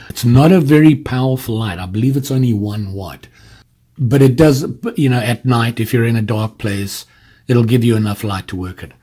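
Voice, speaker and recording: This product reviewer has a husky, slightly mellow mid-range voice. Handling the device as he goes, he walks through a casual hands-on demonstration step by step in an informal way.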